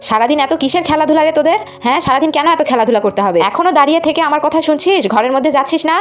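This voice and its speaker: A woman's voice: high voice, very fast, faint music behind, close to an everyday voice. A woman voicing a strict mother who scolds her twin daughters in a puppet story. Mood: scolding. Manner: scolding, stern questioning.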